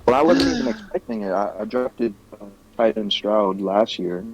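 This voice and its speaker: A man in casual podcast chat, explaining in a halting, modest way. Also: fairly low pitch, very animated, dull audio, a little hiss or hum.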